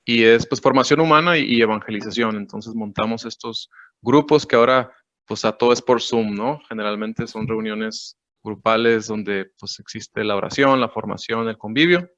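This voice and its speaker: A man from Monterrey, introducing himself in a measured, formal way over a video call. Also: fairly low pitch, a bit bright, dry recording. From Monterrey, Mexico. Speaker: director of a youth association. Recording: dull, dry video-call audio.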